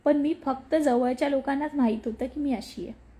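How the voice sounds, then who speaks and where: A woman creator chatting casually as she reads and answers her followers' comments, mock-scolding and teasing them with a sharp tongue. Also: high-pitched, moderate pace. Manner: bursts of laughter and mock scolding. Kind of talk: casual chat reading and replying to comments.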